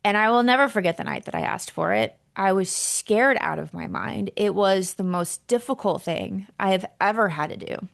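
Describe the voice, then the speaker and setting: A woman's voice: medium pitch, normal speed, vocal fry, hardly any pauses. Candid woman telling her own story. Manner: candid, animated, casual swearing. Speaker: podcast host and entrepreneur. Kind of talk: personal storytelling monologue.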